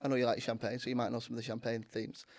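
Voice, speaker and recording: A man's voice: medium pitch, flat delivery, rapid-fire, a little mellow, dry recording, studio quality. A man with a Northern English accent hosting a podcast, jokey and upbeat, laughing often in casual chat. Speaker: podcast host.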